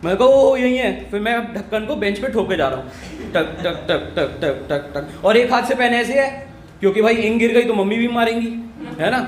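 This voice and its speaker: A young male comedian with a high voice tells a school story on stage. He slips into the voices of the people he quotes. The room is echoey, with a faint hum of ambience. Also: a little fast. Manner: acts out quoted voices of teacher and classmates. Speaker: stand-up comedian. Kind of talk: stand-up storytelling. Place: comedy stage with live audience.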